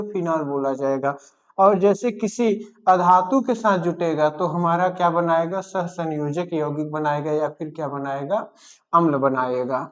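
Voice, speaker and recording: A man teaching chemistry in a lecture style, asking the class questions and then answering them himself while repeating the key terms. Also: high-pitched.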